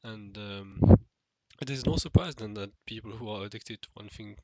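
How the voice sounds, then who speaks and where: This unscripted solo vlog features a man whose stuffed-nose voice sits on the low side, at a moderate pace. The low-quality recording has no echo, and he muses to the camera hesitantly, with lots of fillers and restarts.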